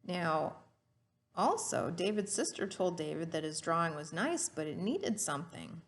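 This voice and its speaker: With a fairly low, animated voice and an unhurried pace, a woman reads a story to children in a teacherly way. She breaks in with explanations and asks the listener questions.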